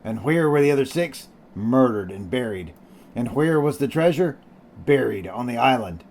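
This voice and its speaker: A ragged old sailor left alone for years on an island, as a man reads him aloud. His voice comes out cracked and rusty, and he drawls his words slowly. The voice suits a read-aloud storybook. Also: medium pitch, lively intonation, darkish tone. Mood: storytelling. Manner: slow, drawling sailor's speech. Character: ragged, half-wild old marooned male sailor.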